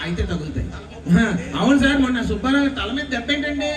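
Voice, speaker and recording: Fast, high-voiced stage comic over a PA. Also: male voice, very animated. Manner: chatty, coaxing the crowd. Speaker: mimicry artist. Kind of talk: live stage comedy and patter. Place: open-air festival stage. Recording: echoey PA from far off.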